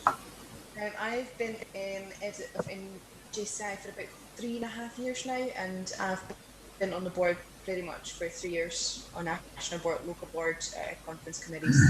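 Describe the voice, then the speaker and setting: Woman introducing herself in an echoey room. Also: mid-range voice. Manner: casual, self-deprecating. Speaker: meeting participant. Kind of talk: self-introduction on a video call. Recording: echoey room, noisy line.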